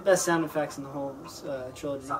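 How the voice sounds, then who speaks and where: A man's voice: fairly high pitch, steady tone, fast, over a noisy crowd. A man co-hosting a podcast, chatting casually in commentary on a film. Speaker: podcast co-host. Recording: distant mic, very noisy background. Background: film sound, loud noise.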